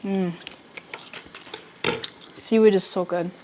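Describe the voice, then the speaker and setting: Woman, casual cooking vlog host, expressive and giggly, mid-range pitch, background noise. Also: slow pace. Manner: expressive, giggly, switches into Korean phrases.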